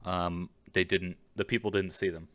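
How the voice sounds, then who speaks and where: On a video call mic, a male podcast co-host chats casually, trading jokes and swearing without restraint. He speaks at normal speed in a low, steady, slightly bright voice, with no room sound.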